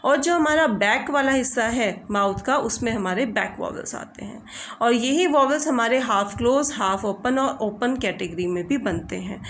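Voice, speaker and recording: A woman slowly teaching English vowel sounds, stretching out each example. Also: a little high, fairly bright tone, slight background noise. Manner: slow, patient, drawn-out demonstration of vowel sounds. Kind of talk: slow explanatory lesson over a screen recording.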